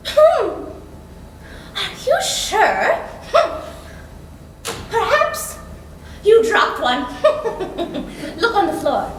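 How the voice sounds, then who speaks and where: A woman's voice: very high voice, wildly swooping pitch, very slow, pauses often, exaggerated voice. A woman playing a stingy, condescending employer on a stage, talking in a sweetly mocking way and laughing often, recorded from far off in an echoey hall. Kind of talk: stage play performance. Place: school stage before an audience. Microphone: distant room mic.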